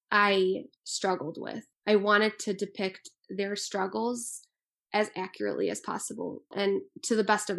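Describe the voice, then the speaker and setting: An Albanian-born woman in her twenties answers interview questions as an author, earnest and thoughtful. Her voice is gravelly and medium in pitch.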